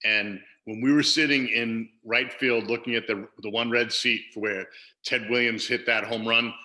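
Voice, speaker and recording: A man's voice: medium pitch, fairly even intonation, normal speed, pushed and bright, poor audio. A man, a father and guest, talking enthusiastically in a casual video chat.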